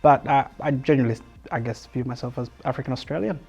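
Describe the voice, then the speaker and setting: A man's voice: mid-range voice, fast talker, gravelly, a little mellow, slightly rough, faint music behind. A young man giving thoughtful, hesitant interview answers with many fillers.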